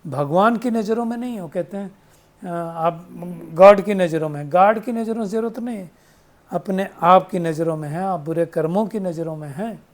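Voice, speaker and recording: At normal speed and a high pitch, the spiritual teacher gives a devotional talk. Patient explanation, quoted sayings, and rhetorical questions marked by "है ना?" shape how he speaks.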